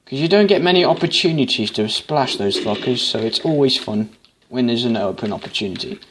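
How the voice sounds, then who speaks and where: Male gamer, mid pitch, rambling profane commentary, noisy home recording. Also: expressive, fairly quick. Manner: swearing, rambling and joking. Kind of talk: let's play commentary.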